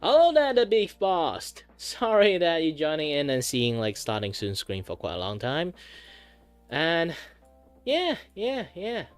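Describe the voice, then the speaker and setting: Animated male anime-style streamer. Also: on the high side, normal speed, hardly any pauses, smooth, dry recording, soft background music. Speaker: streamer host. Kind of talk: casual livestream chat.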